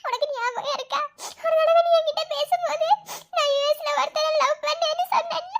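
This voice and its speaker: A woman's voice: extremely high pitch, fairly even intonation, fairly quick. Woman voicing a sobbing heartbroken cartoon girl. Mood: tearful confiding. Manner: speaks while sobbing and laughing through tears. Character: heartbroken young woman Ananya, tearful and sad. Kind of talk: cartoon love story voice acting.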